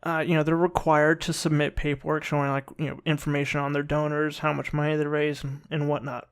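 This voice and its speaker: Guy doing casual political commentary, kinda higher voice, rambles and restarts a lot, bit sarcastic. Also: level tone, smooth. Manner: rambling, halting delivery with repeated false starts. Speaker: political commentary video host.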